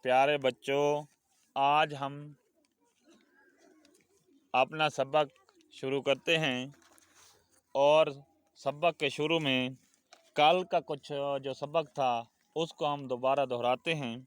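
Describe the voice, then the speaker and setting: A male Urdu teacher with a Pakistani accent leads a children's lesson at an unhurried pace. He repeats each word and sentence patiently so his pupils can echo it back. The sound is dry and close to the mic. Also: fairly high pitch, fairly even intonation, clear, resonant tone. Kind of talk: classroom lesson with call-and-response drills.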